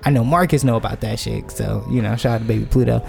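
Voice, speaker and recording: Talk it blunt and lively as a man co-hosting a podcast, jump up high when excited. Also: fast, vocal fry, soft background music. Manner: animated, blunt, laughs and jumps into high exclamations. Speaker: podcast co-host. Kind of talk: casual podcast chat.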